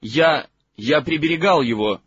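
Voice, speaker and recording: Harry, a man voicing a quiet earnest teen. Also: fairly high pitch, a little slow, husky, no echo, voice pushed up. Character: earnest worried teenage boy, Harry. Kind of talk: audiobook character reading. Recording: slightly dull, dry recording.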